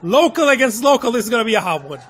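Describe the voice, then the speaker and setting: A man calling a live MMA fight as play-by-play commentator, in an emphatic, excitable delivery. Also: very high voice, racing. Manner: emphatic, excitable, short clipped calls. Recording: live broadcast over music and crowd. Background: music and crowd.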